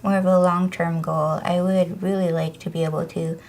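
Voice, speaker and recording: A woman giving an interview testimonial, speaking haltingly with many fillers. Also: on the low side, level tone, darkish tone.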